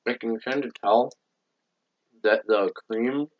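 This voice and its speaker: A man's voice: mid-range voice, slow pace, highs cut off. A man casually co-hosting a candy review, joking and teasing his partner. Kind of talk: casual chat.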